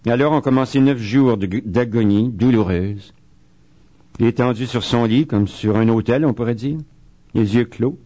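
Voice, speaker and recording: A man giving a spiritual talk as a preacher, reading quotations slowly and solemnly and adding chatty asides. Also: mid-range voice, dark tone, dry recording. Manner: reads quoted writings slowly and solemnly, adds chatty asides. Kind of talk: spiritual talk on a saint's life.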